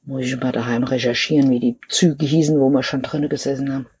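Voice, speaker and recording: A woman's voice: rumbling low, steady tone, quick pace, a little mellow, a little hiss or hum. A middle-aged woman in casual bickering chat with her partner, answering with dry, sulky retorts. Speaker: vlog co-host, partner. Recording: dull muffled dry sound.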